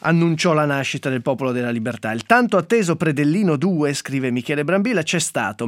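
A man's voice: medium pitch, no echo. A man hosting a radio press review, reading newspaper quotes in a conversational way with asides and fillers. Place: radio studio.

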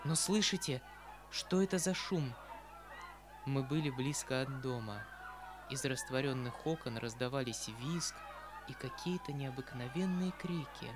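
A man's voice: mid-range voice, unhurried, noisy background. A man narrating a classic novel aloud, voicing the narrator's own lines with heated expression. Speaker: audiobook narrator. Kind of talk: scripted narration.

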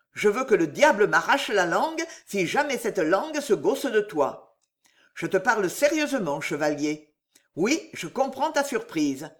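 A reader voicing a gruff, loud old soldier of fortune who swears heartily, in an audiobook. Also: medium pitch. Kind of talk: audiobook character reading.

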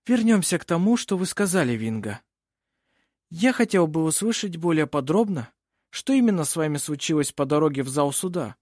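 A man playing a forceful courtroom lawyer. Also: fairly high pitch, big pitch swings, moderate pace, no echo, studio quality, pitched above the performer's own voice. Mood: probing. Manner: declaiming, commanding. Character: forceful male lawyer, bold courtroom orator.

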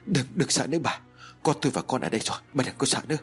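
A man voicing a stern middle-aged husband who is protective of his wife and gruff in his orders. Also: mid-range voice, lively intonation, very fast, soft background music. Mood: worried. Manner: gruff, commanding.

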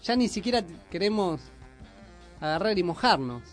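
Chatty Argentine man, high voice. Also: sing-song, normal speed, soft background music. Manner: chatty, joking. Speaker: radio host. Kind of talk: casual radio chat.

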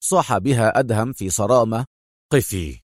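A man reading dramatic audiobook narration in a measured storytelling way. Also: mid-range voice, animated, darkish tone, dry recording, studio quality.

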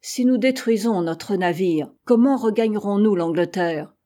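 A woman's voice: mid-range voice, a little slow, close to an everyday voice. Woman reading as a grave, stern sea captain. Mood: commanding. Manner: grave, curt, forceful. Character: stern obsessed male ship captain.

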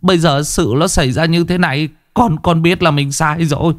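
A man's voice: lowish voice, sing-song, slow, mellow, no room sound, clean studio sound. A man voicing a terrified wealthy middle-aged man who stammers and pleads on the edge of tears in a spoken ghost story. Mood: panicked pleading.

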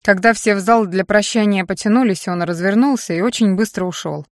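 A woman's voice: medium pitch, a little fast, no echo, natural voice. A brash, wary young man, as a woman reader puts him on talks in a casual, mumbling drawl. The audiobook reading is plainly delivered. The sound is dry and close, with no room around it. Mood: musing.

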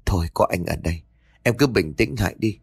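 A man's voice: low-pitched, animated, a little fast, gravelly, slightly rough, dry recording, studio quality, exaggerated voice. A man voicing a selfish young husband who talks in a dismissive, evasive way. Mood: placating.

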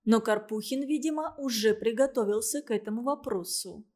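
A woman narrating a novel aloud with measured, expressive storytelling. Her voice sits a little high for a woman. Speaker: audiobook narrator.

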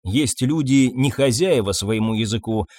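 A man narrating an audiobook in a measured storytelling manner. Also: medium pitch, a little mellow, dry recording, clean studio sound. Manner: measured storytelling, voices figures himself. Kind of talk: scripted narration.

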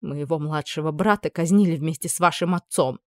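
A reader voicing a resentful middle-aged female secretary who answers hoarsely and grumbles sullenly. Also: medium pitch, fairly quick, dry recording, studio quality, natural voice.

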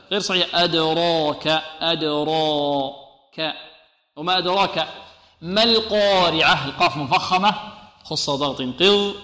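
A man with a bright, forceful voice leads a recitation lesson, posing questions and answering them himself. He stretches words out slowly when he shows how they are pronounced. The sound rings through a roomy hall with a long reverb tail. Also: on the high side. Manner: slow drawn-out demonstration of sounds. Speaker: Quran recitation teacher. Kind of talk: tajweed lesson.

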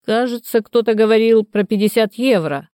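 A woman voicing a hoarse, half-drunk old male canal watchman who grumbles slowly and muses aloud. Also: on the high side, dark tone, no room sound, studio quality, voice pushed up, close to an everyday voice. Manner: grumbling, slow and musing.

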